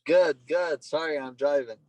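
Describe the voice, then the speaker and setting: A man talking over a car speakerphone while driving, a business owner giving plain, halting explanations in a casual interview. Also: on the high side, a little mellow, dry recording. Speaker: duct cleaning business owner, guest. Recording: distant car speakerphone call.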